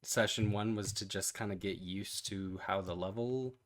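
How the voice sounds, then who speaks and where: A man's voice: on the low side, moderate pace, a bit bright. A man running a tabletop game as game master, hesitant and laughing often.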